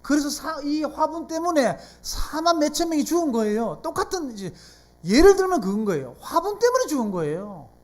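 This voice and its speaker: This Gyeongsang-accented pastor from South Korea fills a church sanctuary with his sermon, peppering the congregation with rhetorical questions. The voice sits high and somewhat dark in tone, very animated and a little fast.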